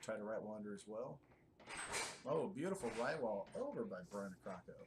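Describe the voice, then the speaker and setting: A man's voice: on the low side, animated, normal speed, heavy background noise. A man, giving casual, chatty live play-by-play commentary with many fillers.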